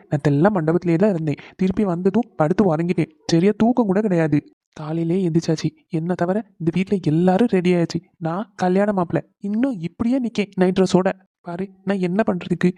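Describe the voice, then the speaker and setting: A woman's voice: lowish voice, warm tone, no room sound, natural voice. A woman voicing a tired young groom in a cartoon, pleading with his bride. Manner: quick, weary and coaxing. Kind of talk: cartoon voice acting.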